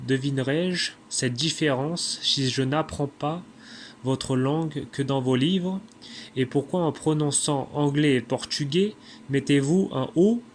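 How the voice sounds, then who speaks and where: A man reading a classic text aloud in a measured way, now and then stumbling and correcting himself. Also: mid-range voice, a little hiss or hum. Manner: measured, with occasional slips and self-corrections. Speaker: reader.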